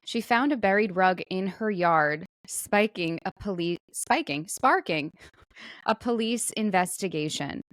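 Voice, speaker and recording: A woman co-hosting a casual talk show retells a viral story conversationally, acting out quotes and tossing in quoted asides as she goes. Her medium-pitched voice is a bit bright, with lively intonation and a measured pace, and there's no echo.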